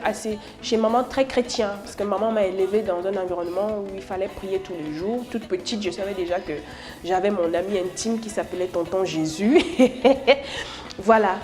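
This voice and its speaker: Cameroonian woman in her thirties, musician, chatty and playful, mid-pitched voice, soft music underneath. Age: 30s. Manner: playful, chatty, slips between French and English. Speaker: musician interviewee. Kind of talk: self-introduction interview.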